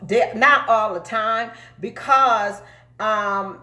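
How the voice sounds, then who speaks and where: A woman's voice: fairly high pitch, drawn-out words, bright, forceful tone, reverberant. A woman in her forties giving an emphatic motivational talk to viewers, often checking in with "okay?". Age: 40s. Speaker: truck driver and recruiter.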